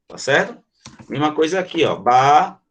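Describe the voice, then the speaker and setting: A man's voice: a little high, expressive, measured pace, a bit bright. Man teaching Portuguese phonetics, questioning. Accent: Brazilian Portuguese. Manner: explanatory, asks the class questions. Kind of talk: online grammar lesson.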